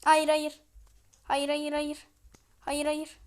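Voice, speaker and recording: A woman giving live gameplay commentary as a channel host, excitable and chanting repeated words at the game while talking to the viewers as friends. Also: sits high, slow.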